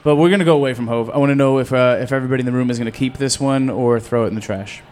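A man's voice: mid-range voice, racing. A man, a DJ on a music panel, chatting casually with blunt opinions. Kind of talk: casual chat.

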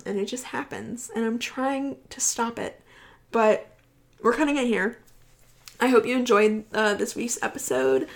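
Fast-talking woman podcast host. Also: mid-range voice. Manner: fast-talking and rambling, with many fillers. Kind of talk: casual podcast chat.

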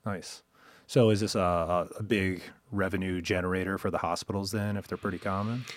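A man hosting a podcast interview, asking questions in a casual, chatty way with halting restarts. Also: sits low, fairly even intonation. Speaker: podcast host. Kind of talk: interview conversation.

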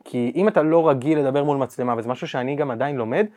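A man's voice: mid-range voice, mellow. A man hosting a podcast interview, talking in a reflective, hesitant way with restarts. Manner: reflective, hesitant with repeated words and fillers. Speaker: podcast host.

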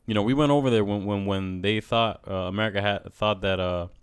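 A man's voice: on the low side, fairly even intonation, fairly quick, clean tone, no room sound, clean studio sound. A man talking casually and emphatically at length, peppering his speech with bro. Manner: emphatic, talkative, says "bro" often. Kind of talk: casual conversational talk.

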